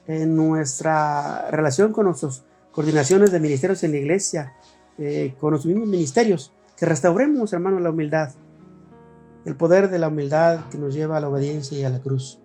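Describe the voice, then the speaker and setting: A man's voice: on the high side, moderate pace, mellow, faint music behind. A man with a Mexican accent, a pastor preaching a sermon in a conversational way and acting out short dialogues.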